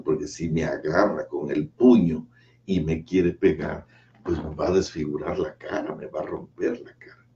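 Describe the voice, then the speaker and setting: A man preaching a sermon as a pastor, telling a personal story slowly and earnestly, with dramatic pauses. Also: deep voice, dark tone, distant mic, lo-fi sound.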